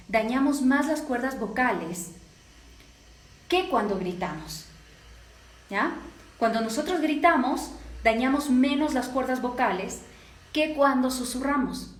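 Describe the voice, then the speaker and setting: A high-pitched, unhurried woman with lively intonation teaches a voice course in a Latin American Spanish accent. The echoey room carries her instructive lecture as she explains each step and keeps checking that listeners follow along.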